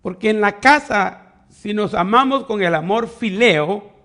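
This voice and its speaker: A man's voice: high-pitched, animated, measured pace, bright, forceful tone. A man preaching a sermon as pastor, teaching step by step and leaning on quoted questions. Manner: teaching Bible study, explains words step by step.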